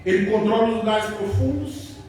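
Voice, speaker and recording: A man preaching an animated sermon, acting out God's lines in his own voice and rising to shouts. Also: sits high, moderate pace, a little hiss or hum. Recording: echoey room, voice from far off.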